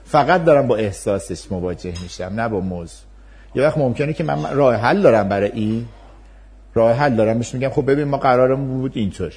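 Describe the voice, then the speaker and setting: A male university lecturer giving a class, calmly acting out patient, empathetic replies to a student. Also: medium pitch. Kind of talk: class lecture with role-play demonstrations.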